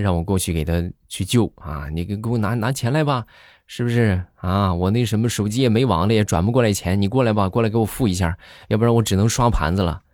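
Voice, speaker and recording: Low-voiced man telling funny stories. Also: dry recording, studio quality. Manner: animated, acts out characters in his anecdotes. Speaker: comedy storyteller. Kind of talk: joke-telling monologue.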